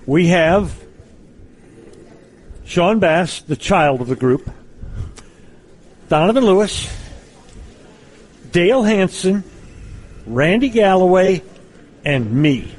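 A man's voice: sits high, expressive, slow pace, pauses often, darkish tone. A man hosting a casual chat, prompting his guests with questions. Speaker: host.

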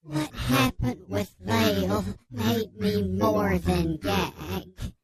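Brief: a woman as anonymous radio guest, disguised deep voice filter, crawling slow deadpan delivery. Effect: voice-disguising filter, slowed and deepened.

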